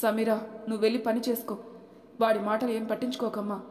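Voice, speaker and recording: Woman doing a stern fair father-in-law, firm talk, highish voice, echoey. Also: little pitch movement, quick pace, darkish tone, close to an everyday voice. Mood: concerned. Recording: echoey room with long reverb.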